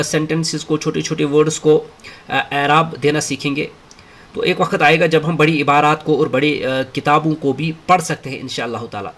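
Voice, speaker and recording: A man teaching an Arabic lesson, switching between Hindi-Urdu and English and reading Arabic drills aloud, with many drawn-out fillers. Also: fairly high pitch, fairly bright tone. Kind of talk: spoken lesson.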